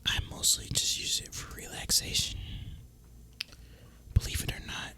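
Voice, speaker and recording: In an unhurried, breathy whisper with no voicing, a man casually rambles as host of an ASMR gaming video, staying relaxed throughout.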